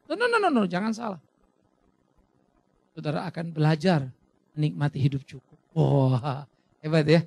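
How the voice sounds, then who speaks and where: A middle-aged male pastor delivering a lively, theatrical sermon, acting out little dialogues with sudden loud bursts. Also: sits high, creaky, husky, no room sound.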